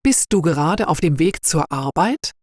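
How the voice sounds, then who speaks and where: A woman's voice: low voice, animated, moderate pace, darkish tone, dry recording, clean studio sound. A woman voicing a cheerful, helpful young male friend in a read-aloud story for learners, friendly and upbeat.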